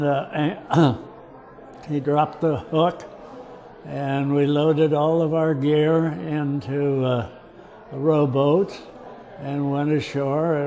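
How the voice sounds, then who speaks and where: An older man slowly telling a childhood memory, halting and clearing his throat often. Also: fairly high pitch, fairly even intonation, mellow. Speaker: storyteller. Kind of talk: casual storytelling.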